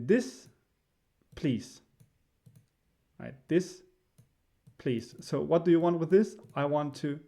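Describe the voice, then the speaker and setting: A man giving a casual spoken lesson, hesitant and filling pauses with "uh" and "right?". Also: medium pitch, mellow. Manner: hesitant, many fillers, frequent "right?". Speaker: language teacher.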